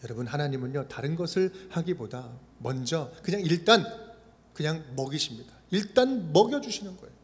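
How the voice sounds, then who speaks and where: A male pastor preaching a sermon in an expressive style. He repeats phrases in a steady rhythm and acts out the quotes he cites. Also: fairly high pitch, fairly quick. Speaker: senior pastor. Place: church sanctuary. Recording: reverberant church livestream.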